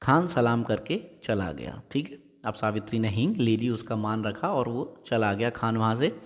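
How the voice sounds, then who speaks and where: A male teacher reading a Hindi story aloud and explaining it line by line, stopping to ask his class quick checking questions. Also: mid-range voice, animated. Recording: long hall-like reverb.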